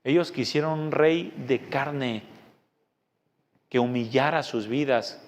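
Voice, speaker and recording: A man preaching a sermon as pastor. He preaches emphatically, with sudden loud rhetorical questions and quiet asides. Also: mid-range voice, slow. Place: church meeting hall. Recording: long reverb from a church hall.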